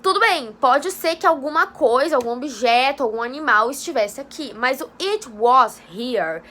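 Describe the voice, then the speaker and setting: A woman's voice: sits high, lively intonation, moderate pace, sharp tone. A young Brazilian woman with a chatty, informal manner, giving a casual online English lesson and checking in often with her viewers. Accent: Brazilian Portuguese. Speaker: English teacher.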